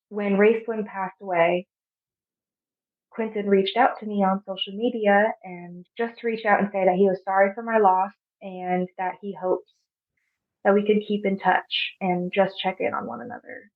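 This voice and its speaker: A young woman in her twenties from Arizona, telling a personal story softly, with halting pauses. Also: mid-range voice, fairly even intonation. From Arizona, USA. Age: 20s. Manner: soft, halting, with frequent pauses. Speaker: podcast guest. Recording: phone-like narrow sound.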